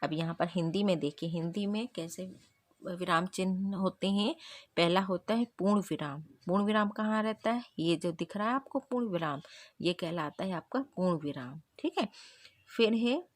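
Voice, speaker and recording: A woman's voice: fairly low pitch, normal speed, no echo, studio quality. A woman teaching a grammar revision lesson who keeps asking the class questions and answering them herself.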